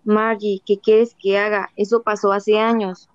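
A worn-out husband in his fifties, dodging and flat-voiced, as a woman reads him. Her tone is smooth and even, and the dry, dull audio has faint music behind it. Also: mid-range voice, a little slow, dry recording, natural voice. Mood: weary. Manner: tired, flat, dodging answers. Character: weary evasive husband of fifty-six, man. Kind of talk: audiobook dialogue reading.

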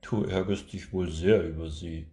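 A man voicing a calm, patient male dog, in a storybook reading. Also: low voice, normal speed, lightly acted.

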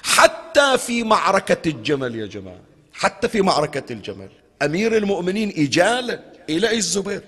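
A male preacher giving a religious lecture in a mourning hall, animated and asking his audience questions. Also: high voice, brisk, breathy edge. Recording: long hall reverb.

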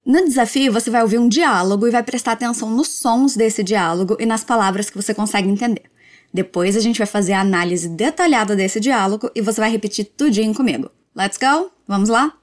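A woman teaching English in a language lesson, modelling phrases slowly and drawing them out for learners to repeat. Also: medium pitch. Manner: slow, drawn-out model phrases for repetition.

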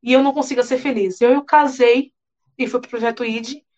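A young woman with a high, bright voice tells an emotional testimony from the pulpit, earnest and animated, repeating phrases for weight. The recording is dull and lo-fi. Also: a little fast. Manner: animated, earnest storytelling with repetitions. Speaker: preacher giving a testimony. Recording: dull lo-fi sound.

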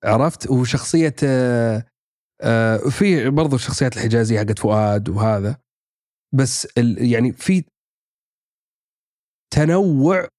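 A man's voice: mid-range voice, normal speed, a little mellow, dry recording, clean studio sound. A man, chatting casually as a podcast guest, thinking aloud with many fillers and restarts. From Saudi Arabia. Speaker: podcast guest, actor and writer. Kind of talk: casual chat.

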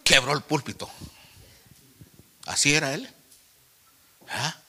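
Lively, gravelly-voiced preacher telling a testimony. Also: male voice, fairly high pitch, moderate pace. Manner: storytelling with quoted dialogue, swinging between loud exhortation and hushed asides; addresses listeners as "hermano". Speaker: pastor. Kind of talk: sermon.

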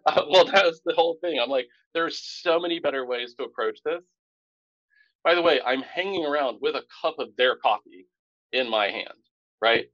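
A man from Tampa co-hosting a podcast, telling a story in an animated, casual way that climbs in pitch when indignant. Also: normal speed, no echo, lo-fi sound. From Tampa, Florida. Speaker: podcast co-host.

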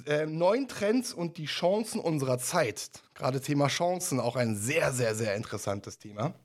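A man's voice: a little high, expressive, normal speed. A man hosting an interview, speaking in a friendly way that rambles a little and often repeats words. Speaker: podcast host, interviewer. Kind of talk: conversational interview.

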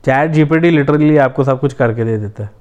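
A man's voice: medium pitch, darkish tone, dull audio. Casual male host, clean resonant voice, explains at ease and switches into English now and then. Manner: explanatory, drops English phrases into speech. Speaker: podcast host. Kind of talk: casual chat.

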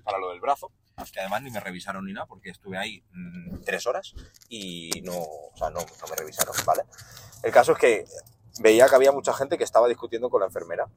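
A podcast host with a lowish, husky voice tells stories in a casual monologue. He's blunt and profane, animatedly acting out the people involved.

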